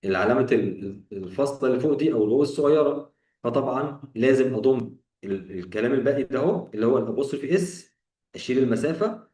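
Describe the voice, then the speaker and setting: A man's voice: medium pitch, a little mellow, distant mic. A man with an Egyptian Arabic accent giving a grammar lesson, walking through each point and repeating examples. He sits back from the mic, and his voice bounces around a roomy, echoing space. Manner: explains step by step, repeating examples and asking rhetorical questions. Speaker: English teacher. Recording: echoey room, voice off-mic.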